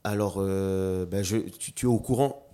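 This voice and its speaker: A man, a dancer and slam artist, chatting as a guest in an interview, telling animated stories and acting out quotes, with frequent restarts. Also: low-pitched, measured pace. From New Caledonia. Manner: animated storyteller, acts out quotes, stammers on restarts. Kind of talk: casual interview chat.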